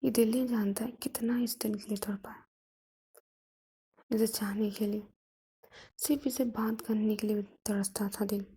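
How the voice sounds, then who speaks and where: A woman voicing a young female student in love, speaking in a soft, coaxing whisper as whispered role-play. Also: mid-range voice, steady tone, normal speed, pauses often, husky. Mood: tender. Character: young woman student, tender pleading lover.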